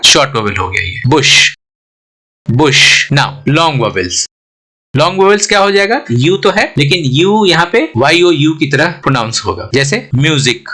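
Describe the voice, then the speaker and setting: A man teaching pronunciation, repeating each word and spelling it out letter by letter, often stopping to ask if it is clear. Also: a little high, sharp tone. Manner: repeats words slowly, spells them letter by letter; asks the learner rhetorical checks. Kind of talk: explaining and drilling words.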